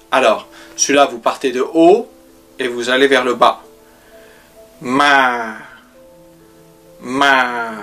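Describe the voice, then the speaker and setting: A man giving a pronunciation lesson, carefully demonstrating letters and sounds one by one. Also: medium pitch. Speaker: language teacher.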